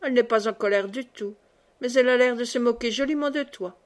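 A woman's voice: a little high, brisk, close to an everyday voice. A woman reading the part of a young wife who speaks in a drawl in an audiobook. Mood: flat.

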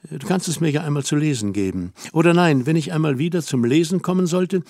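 A lively, dreamy young woman from an audiobook, musing and coaxing in a soft, gentle way, read by a man who keeps close to his own voice. the voice sits fairly high and sounds dry and close, with no room around it. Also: fast talker, no echo. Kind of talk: audiobook reading.

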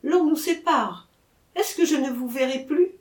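A woman's voice: high-pitched, sing-song, unhurried, a little mellow, voice pushed up. A woman reader voicing an emotional young woman who pleads with the man she loves, in an echoey room.

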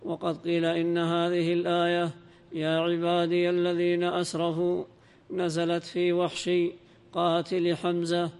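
A man reading a classical commentary aloud in a lesson, in a measured, even recitation. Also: sits high, clear, resonant tone, in a large hall. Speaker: reader of the text in a lesson.

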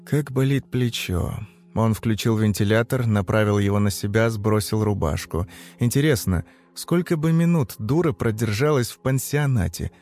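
A man giving a scripted, grim, measured narration of a dark story. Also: on the low side. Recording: faint music under the voice.

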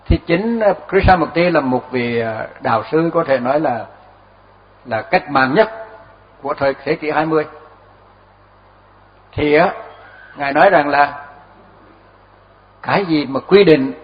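Older male monk, slightly high voice, easygoing dharma talk with chuckles, dull lo-fi recording. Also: unhurried, long pauses. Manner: relaxed storytelling with chuckles and repeated words. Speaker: Buddhist monk teacher.

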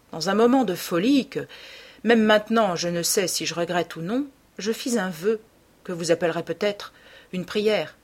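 A woman's voice: on the low side, natural voice. A woman reading an audiobook voices a bitter, brooding young man who speaks in a subdued way.

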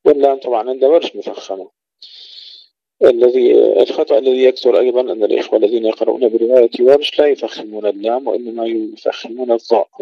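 A man teaching Quran recitation rules. He recites verses slowly and drawn-out, then explains pronunciation quickly and corrects common mistakes. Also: mid-range voice, steady tone, no echo, muffled recording.

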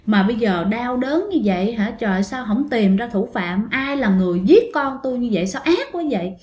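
A woman voicing a grieving mother who laments her dead son in a quick, anguished outpouring. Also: on the high side, lively intonation, darkish tone, natural voice. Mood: anguished grief.

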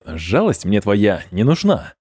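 A man's voice: on the low side, huge pitch swings, slow, a little mellow, husky, no echo, studio quality, heavily acted. A man voicing a bitter, defensive male wizard who snaps back indignantly. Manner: snapping, indignant.

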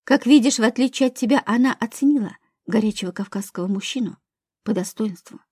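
A woman's voice: on the high side, brisk, a little mellow, breathy edge, no echo, clean studio sound. A woman reading an audiobook, voicing a brash young man who mocks and growls at his stepsister. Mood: mocking. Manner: mocking, growling. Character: brash mocking young male stepbrother.

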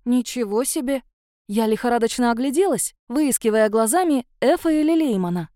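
A woman reading a first-person fantasy audiobook in a lively, expressive way. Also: fairly high pitch, fairly quick, no room sound, clean studio sound. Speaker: audiobook narrator.

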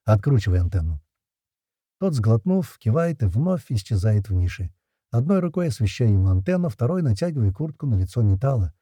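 A man narrating a first-person audiobook in a dark, mellow, husky voice. The sound is close and dry. His telling is gritty and tense. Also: medium pitch, sing-song, fairly quick, no room sound.

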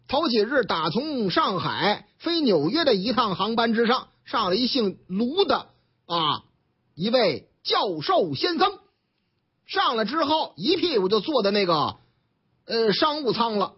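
A radio news commentary host with a Beijing accent runs a chatty newspaper-review show, retelling stories and changing his voice to play the people he quotes. His voice is very high-pitched and a little slow, with a breathy edge. The broadcast sounds dull and lo-fi.

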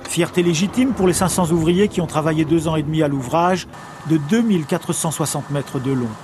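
A man, a news reporter, reading a scripted report in a measured, formal delivery. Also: a little high, background noise.

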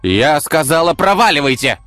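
A man voicing a deranged middle-aged village woman who snarls and screams in a shrill, frantic voice. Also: big pitch swings, a little fast, a bit bright, dry recording, faint music behind. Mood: snarling.

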